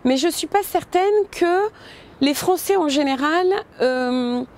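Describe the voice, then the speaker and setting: High-voiced woman director, hesitant and thoughtful. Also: takes it slowly, darkish tone, a little hiss or hum. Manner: thoughtful, many hesitations and restarts; informal, addresses listener with "tu vois". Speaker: film director. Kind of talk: interview about her film.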